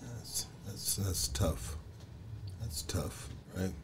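A man in his forties interviewing casually, halting and leaning on fillers and tag questions. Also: sits low, background noise. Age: 40s.

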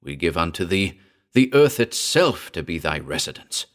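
A man's voice: low-pitched, very animated, moderate pace. A man voicing a fanatical worm-worshipping priest who chants and declaims a litany in a dramatic horror-story reading. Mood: fervent.

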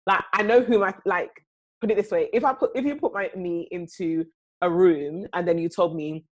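A young woman with a lowish voice chats casually at a normal speed. She's animated, carrying on in long runs with lots of filler words.

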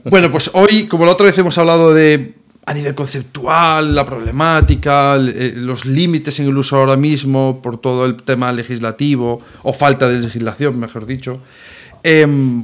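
A man co-hosting a podcast in casual chat, exuberant and playful. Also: fairly high pitch. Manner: exuberant, playful, talks up the guest. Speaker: podcast co-host.

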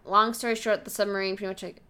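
A woman's voice: mid-range voice, flat delivery, quick pace, pushed and bright, smooth. A young woman co-hosting a casual podcast, telling travel stories in a rambling way with lots of filler words.

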